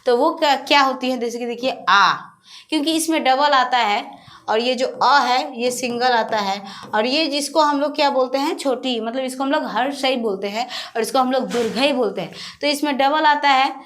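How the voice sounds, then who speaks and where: A woman's voice: sits high, normal speed, a bit bright. A woman teaching Hindi grammar over slides, repeating key points and answering her own questions as she goes. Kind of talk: classroom-style explanation over slides.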